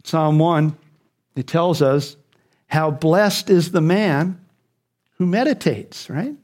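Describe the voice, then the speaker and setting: A man's voice: fairly high pitch, takes it slowly, darkish tone. A man preaching a sermon, speaking earnestly and repeating key phrases for emphasis.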